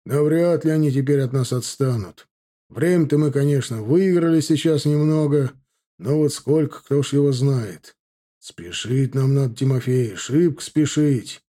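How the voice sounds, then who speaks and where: A man voicing a hot-blooded Cossack leader with rough, folksy speech in a storybook. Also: medium pitch, measured pace, warm tone, natural voice. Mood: grave.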